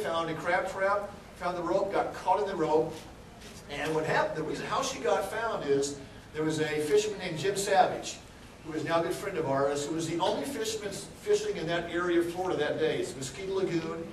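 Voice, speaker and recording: A high-voiced man from Texas, an aquarium chief, jokes around in a casual talk before an audience in a large indoor room, often turning questions back to the crowd. The echoey hall recording was made from a distance and carries slight background noise.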